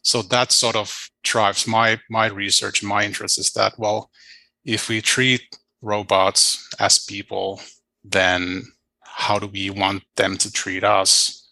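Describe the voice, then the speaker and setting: A man's voice: lowish voice, level tone, slow pace, gravelly, bright, forceful tone, no echo, rough recording. A man speaking as a computer science panelist, thinking aloud with hesitant restarts. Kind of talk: panel discussion.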